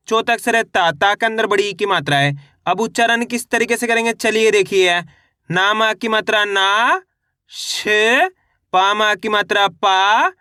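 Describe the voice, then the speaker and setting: High bright-voiced man teaching reading. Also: dry recording, clean studio sound. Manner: slow, syllable-by-syllable sounding out of words; encouraging, addresses viewers as friends. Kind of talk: online reading lesson.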